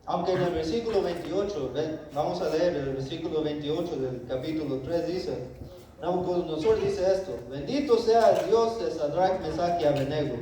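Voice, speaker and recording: A man's voice: a little high, dark tone. A man preaching an informal Bible lesson to his congregation, talking in a conversational way, often asking "right?" and acting out the king's lines. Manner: conversational, acts out the king's lines, tag questions. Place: church hall. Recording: echoey hall, voice from far off, background noise.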